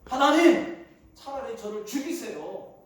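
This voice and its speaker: A man voicing a sulking, angry male prophet who shouts indignant complaints. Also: extremely high pitch, expressive, unhurried, slight background noise. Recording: echoey hall, far from mic.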